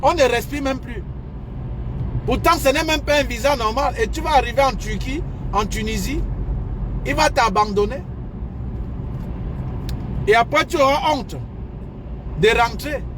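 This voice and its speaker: A man's voice: extremely high pitch, unhurried, long pauses, background noise. A man giving casual, emphatic advice in a vlog, repeating his points as he lectures. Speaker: advice vlogger.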